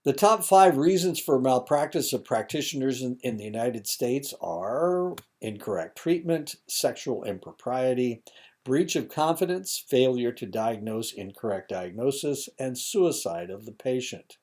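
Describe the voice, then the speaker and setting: A man's voice: mid-range voice, lively intonation, measured pace, a little mellow. A man giving a recorded lecture, reading points aloud with casual asides and fillers, his throat a little dry.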